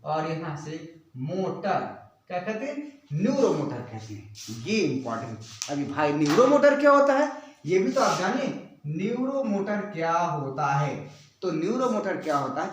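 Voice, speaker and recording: A man's voice: high voice, recorded from a distance. A man teaching a biology lesson, who keeps asking and repeating questions and spells out terms letter by letter as he writes. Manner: repeats and quizzes students with rhetorical questions. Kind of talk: classroom-style lesson at a board. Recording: very echoey room, speaking away from the mic.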